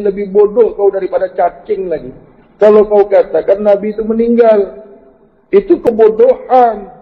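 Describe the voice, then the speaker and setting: High-pitched man scolding in a sermon. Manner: scolding, rhetorical questions, direct address. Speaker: religious teacher. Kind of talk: fiery sermon. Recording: muffled lo-fi recording in a reverberant hall.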